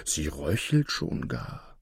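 A man's voice: slow, dry recording, clean studio sound, close to an everyday voice. A man voicing a hunter in a fairy tale, musing worriedly to himself. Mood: concerned.

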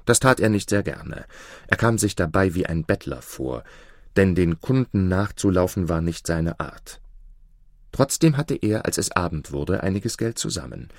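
A man reading a fairy tale aloud in an expressive storytelling style. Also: sits low, normal speed, dry recording, clean studio sound. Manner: expressive, varied intonation.

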